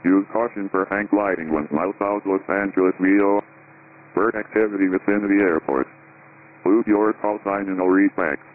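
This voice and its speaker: Low-voiced man reading an airport weather broadcast. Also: fairly quick. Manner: steady, clipped radio readout of numbers and notices. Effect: airport weather broadcast over radio. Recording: tinny radio band with faint hiss.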